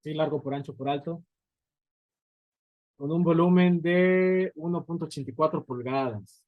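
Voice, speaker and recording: A man with a slightly high voice speaks at a moderate pace, recorded dry with a thin, tinny sound. He's teaching physics at a writing board, working through each step and regularly checking that his students are following.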